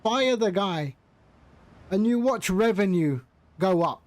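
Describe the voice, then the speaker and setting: A man's voice: high voice, expressive, slow pace, slight background noise. A man streaming a flight simulator, chatting casually with his viewers, joking and laughing often. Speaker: flight sim livestreamer.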